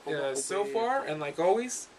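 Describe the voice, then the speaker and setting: A man's voice: high-pitched, lively intonation, unhurried, darkish tone, a little hiss or hum. A young man, the author, chatting casually and reading comments, joking and swearing freely. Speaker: author reading his story. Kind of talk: casual chat.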